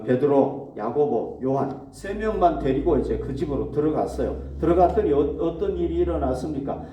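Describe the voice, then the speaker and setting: A man preaches a sermon in a slightly high but mellow voice, putting questions to his congregation and answering them himself. He is recorded from a distance in an echoey church hall. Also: slight background noise. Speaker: pastor.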